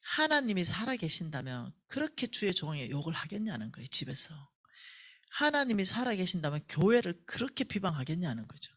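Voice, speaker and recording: A woman with a Gyeongsang Korean accent preaches at a church revival, her voice husky and swinging widely up and down. She tells stories with energy and acts out the voices of the people in them. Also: fairly low pitch, fairly quick. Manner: animated storyteller who acts out quoted voices. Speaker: church ministry staff speaker. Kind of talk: revival sermon with told stories.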